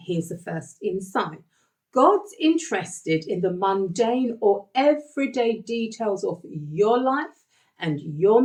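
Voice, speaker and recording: Woman bible teacher doing a sermon, slow and emphatic, lots of up and down in her voice. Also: mid-range voice. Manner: emphatic, asks the listeners rhetorical questions.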